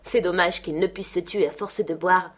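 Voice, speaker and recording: A woman's voice: on the low side, fairly even intonation, normal speed, slightly rough. A woman voicing a brooding, bitter man in an audiobook, speaking grimly. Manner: bitter and grim. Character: brooding grim man, muttering curses. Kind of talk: audiobook character reading.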